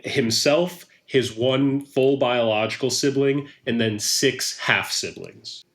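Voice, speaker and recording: A man's voice: mid-range voice, slow pace, fairly bright tone. A man narrating a tabletop game as game master, describing scenes in the second person.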